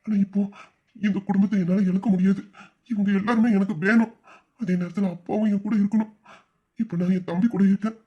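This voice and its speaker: A man voicing a tender, high-voiced elder brother. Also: fairly even intonation, a little fast, breathy edge, lo-fi sound. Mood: worried. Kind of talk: emotional audio-drama acting.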